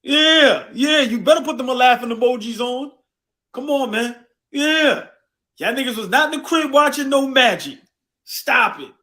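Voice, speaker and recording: A man in his forties hosting a livestream, teasing and trash-talking loudly in casual chat, repeating himself. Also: very high-pitched, lively intonation, moderate pace. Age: 40s. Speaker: livestream podcast host. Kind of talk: casual sports trash talk.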